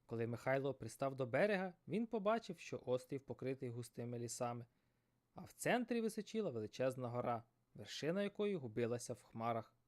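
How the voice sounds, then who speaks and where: A man narrating a fairy tale in an expressive, dramatic storybook style. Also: medium pitch, a little fast.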